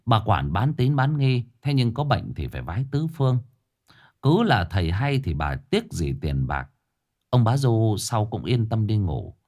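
A man narrating a scripted ghost story in a dramatic, expressive storytelling manner. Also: on the low side.

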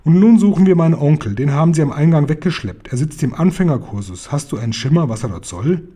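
A man's voice: fairly high pitch, animated, quick pace, dark tone, husky. A man voicing an eager, curious young boy who keeps asking astonished questions in a storybook reading.

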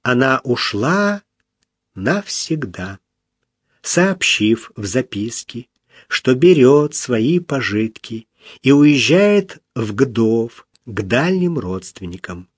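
Male audiobook narrator, husky voice, slow pace, lively intonation. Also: medium pitch, no room sound, clean studio sound. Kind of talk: first-person story reading.

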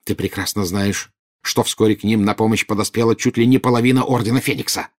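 A man's voice: mid-range voice, big pitch swings, fairly quick, a little mellow, slightly rough, voice pushed up. A man voicing a furious, jealous witch in an audiobook, bursting out in scornful, indignant retorts.

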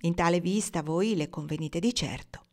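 A woman's voice: on the low side, normal speed, close to an everyday voice. A woman reading the part of a flippant young French count in a novel, telling his tale with light laughs. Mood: amused, teasing. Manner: breezy, laughing storyteller.

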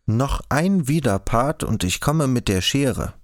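A man voicing a sly, mocking middle-aged woman in an audiobook, teasing in a drawn-out, threatening way. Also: medium pitch, animated, dry recording, clean studio sound, pitched above the performer's own voice. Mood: menacing tease.

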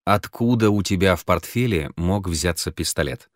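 A man's voice: low-pitched, lively intonation, moderate pace, dry recording, studio quality. A man reading an audiobook, voicing a shaken, grieving woman who turns scornful.

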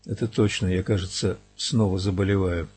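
A man reading an audiobook, voicing a weary, feverish gunslinger who speaks low, quiet and measured. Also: fairly even intonation, slightly rough. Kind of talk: audiobook character voice.

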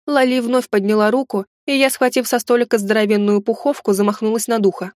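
A woman narrating a first-person fantasy audiobook in a steady, measured reading. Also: fairly high pitch, no room sound, studio quality.

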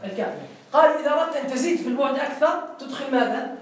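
A man teaching an Arabic grammar lesson in a classroom, explaining slowly, repeating points and quizzing his students. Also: very high-pitched, reverberant, a little hiss or hum.

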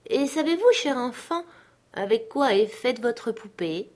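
A woman's voice: mid-range voice, animated, moderate pace, natural voice. A woman reading the part of a plump, middle-aged male dignitary in an audiobook, honeyed and cajoling with a child, then harsh and scolding. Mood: wheedling.

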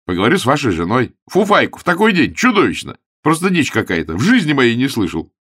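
A man voicing an excitable young male curate who bursts out in loud exclamations. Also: a little high, measured pace, no echo, studio quality, voice pushed up, full character voice. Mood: indignant.

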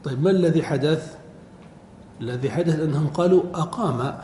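A middle-aged man teaching Arabic word forms in a classroom lecture, quizzing his students and repeating each form slowly. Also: on the high side, dark tone. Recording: echoey hall recording, faint background noise.

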